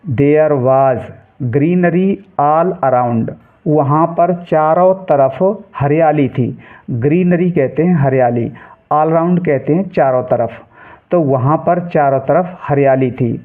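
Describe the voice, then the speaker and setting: Slow, tinny-voiced man teaching English reading. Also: a little high. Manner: reads English word by word very slowly, then explains each word in Hindi. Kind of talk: reading lesson, slow English then Hindi explanation. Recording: tinny phone-like sound.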